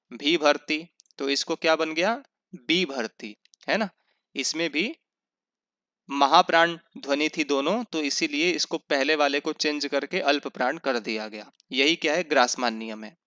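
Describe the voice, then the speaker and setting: Male teacher for an online revision class, with a crisp, forceful voice and a dry, close sound; he asks and answers his own questions and spells out the examples slowly. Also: fairly high pitch, dry recording. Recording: dull lo-fi sound.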